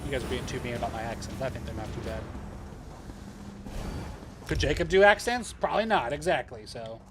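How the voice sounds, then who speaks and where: A man's voice: mid-range voice, animated, brisk, background noise. A man hosting a gaming livestream, chatting casually and rambling as he answers viewers' questions.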